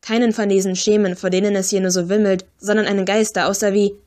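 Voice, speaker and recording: A woman's voice: mid-range voice, flat delivery, quick pace, darkish tone, close to an everyday voice. Woman voicing a bookish young agent explaining. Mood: earnest explaining.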